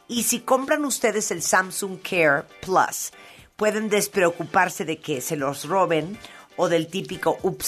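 A woman's voice: on the low side, fairly bright tone. A woman, a native English speaker, hosting a casual talk show, chatting and reading sponsor copy in an upbeat way. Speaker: radio show host. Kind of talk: casual radio chat with ad reads.

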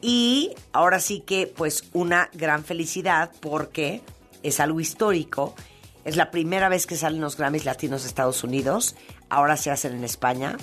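A woman hosts a casual talk show in an upbeat, chatty manner, her voice sitting low. English is her first language, and she moves easily between banter and sponsor reads. Faint music plays under her. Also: normal speed, a bit bright. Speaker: radio show host. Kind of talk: casual radio chat with ad reads.

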